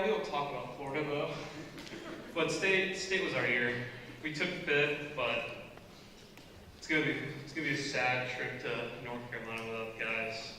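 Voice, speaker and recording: A young man in his late teens, a student athlete, giving a short farewell speech in a relaxed, jokey way. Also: mid-range voice. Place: school hall. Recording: echoey hall, voice from far off, noisy.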